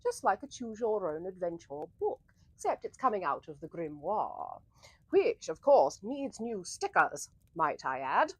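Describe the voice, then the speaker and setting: A woman hosting an interactive story livestream in a theatrical, flowery old-fashioned manner, with a breathy voice. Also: mid-range voice, sing-song, measured pace, no room sound, rough recording.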